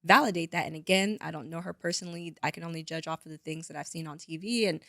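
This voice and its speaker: A woman with a low, gravelly voice co-hosting a casual podcast. She talks through reality TV drama and animatedly acts out other people's lines. The sound is dry and close. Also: fast talker, a bit bright, no room sound. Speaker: podcast co-host.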